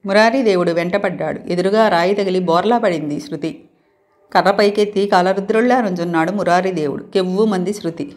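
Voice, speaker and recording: A woman reading a romantic story aloud as the channel's storyteller, expressive and voicing the dialogue with feeling. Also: on the low side, fairly quick.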